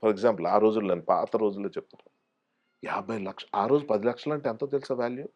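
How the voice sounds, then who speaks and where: A man speaking, an actor talking as an interview guest. He tells his stories with life, dropping his voice low and then jumping up high whenever he acts out what someone else said. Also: fast, muffled recording. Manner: animated storyteller acting out quoted voices. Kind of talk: casual storytelling interview.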